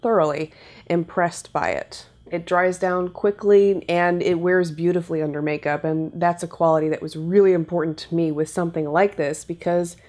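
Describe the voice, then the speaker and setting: This beauty vlogger is a young woman whose voice is on the low side and a little mellow, with a nasal quality from a cold. Indoors on her home filming set, she chats cheerfully through a casual makeup tutorial, demonstrating products.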